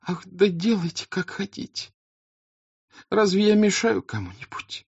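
A man's voice: fairly high pitch, big pitch swings, moderate pace, a little mellow, slightly rough, dry recording, highs cut off, voice pushed up. A man voicing a flustered older countess who speaks in a plaintive, fretful way.

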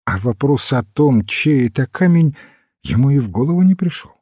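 A man voicing a mild, thoughtful old priest-detective who calmly reasons a case through, in a storybook reading. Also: medium pitch, moderate pace, breathy edge, no echo, studio quality. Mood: explaining. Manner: calm, reasoning, gently explaining. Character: mild, thoughtful elderly male priest-sleuth.

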